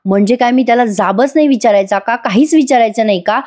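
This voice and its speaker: A woman's voice: a little high, fast talker, darkish tone, lightly acted. A woman reading as a worried young woman.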